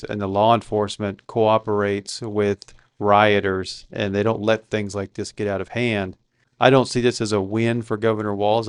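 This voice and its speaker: A male commentator with a low, smooth voice speaks in a casual, indignant tone and often pauses on "uh." The sound is dry and close, with no room around it. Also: no echo. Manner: indignant, with frequent "uh" fillers. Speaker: political commentator.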